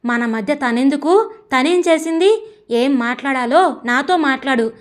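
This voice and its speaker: A woman voicing an angry husband who pleads and shouts in defence of his timid wife in an audio story. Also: high voice, measured pace. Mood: pleading. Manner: pleading, heated. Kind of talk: audiobook character voice.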